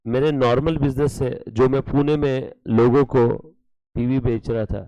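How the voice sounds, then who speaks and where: A man's voice: medium pitch, steady tone, a little slow, mellow, no room sound, rough recording. A man teaching accounts to a live class, with a slight tinge, who keeps questioning students and scolds them playfully. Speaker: accounts lecturer. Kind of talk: classroom lecture mixing Hindi and English.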